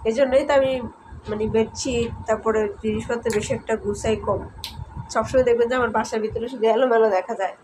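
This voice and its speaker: A young mother with a hoarse voice from a cold, chatting casually to viewers at home and coaxing her small children. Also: on the high side, steady tone, fast, noisy background. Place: home indoors.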